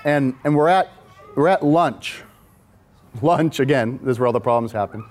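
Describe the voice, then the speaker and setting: A man's voice: medium pitch, moderate pace, darkish tone. Rambling man telling a story. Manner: rambling, with frequent restarts and repeated words. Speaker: music video and film director, guest. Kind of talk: casual anecdotal storytelling.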